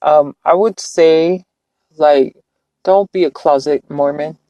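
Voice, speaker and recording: Slow, earnest live-streamer from California. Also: medium pitch, mellow, no echo, highs cut off. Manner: earnest, reflective, rambling with restarts. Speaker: livestreamer. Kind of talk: casual live-stream talk.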